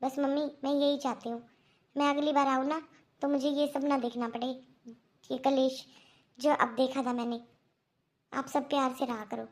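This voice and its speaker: A woman's voice: high voice, level tone, normal speed, pauses often. A woman voicing a young married daughter in a cartoon who earnestly lectures her mother. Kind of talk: Hindi cartoon dubbing.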